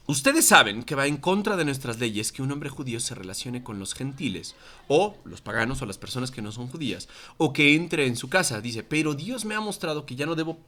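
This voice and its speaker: A man with a Mexican accent teaching a Bible study class to a congregation in church, speaking into a microphone and acting out quoted voices. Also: medium pitch. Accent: Mexican Spanish. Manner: animated, acts out quoted voices. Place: church meeting room.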